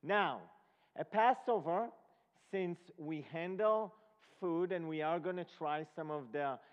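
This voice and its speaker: With a slightly high, clear, and resonant voice, an Israeli guest preacher leads a Passover presentation for a congregation. He speaks haltingly and asks check questions of the listeners. The dull, lo-fi recording reflects a large reverberant hall with an audience present.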